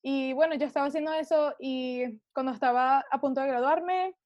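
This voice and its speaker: A woman's voice: high-pitched, normal speed, darkish tone, no room sound, muffled recording. A young woman in a casual interview, more at ease in English, speaking hesitant Spanglish and searching for words. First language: more at ease in English than in Spanish. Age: young adult. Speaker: podcast guest, student of Chinese medicine.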